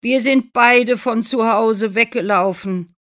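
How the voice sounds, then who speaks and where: A woman's voice: on the high side, slow pace, a bit bright, pitched above the performer's own voice. A woman voicing a friendly, sympathetic dog in a storybook reading.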